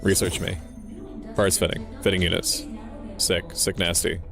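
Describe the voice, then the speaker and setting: A man's voice: sits low, flat delivery, a little slow, vocal fry, over music. A man livestreaming a game, thinking aloud in casual commentary with a playful, sweary manner. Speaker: livestreamer, VTuber. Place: indoor livestream setup with game music behind.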